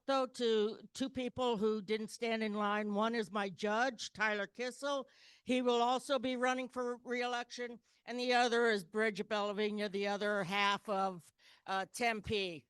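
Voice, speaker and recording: A woman's voice: fairly high pitch, fairly bright tone, clean tone, no echo. A woman running for local office, giving a short, upbeat and informal campaign speech. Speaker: local election candidate.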